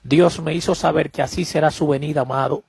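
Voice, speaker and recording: A man's voice: fairly high pitch, steady tone, fairly quick, vocal fry, a little mellow, husky, no echo. A man giving a personal religious testimony to camera, emphatic and repetitive, often addressing the listener as beloved. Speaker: preacher sharing a vision.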